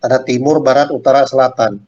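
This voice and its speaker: A man's voice: medium pitch, fairly even intonation, brisk, darkish tone, lo-fi sound. A male lecturer giving a conversational classroom lecture, posing questions and speaking directly to his students. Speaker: university lecturer.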